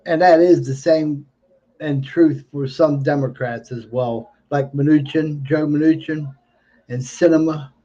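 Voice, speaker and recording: Male livestream commentator, toothless and a little slurred, soft mellow tone, emphatic and repetitive, dull lo-fi sound. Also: on the high side, fairly even intonation, takes it slowly. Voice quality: toothless, slightly slurred speech, learning to talk without teeth. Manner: emphatic, repeats phrases. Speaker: livestreamer giving political commentary. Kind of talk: unscripted political monologue. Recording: dull lo-fi stream audio.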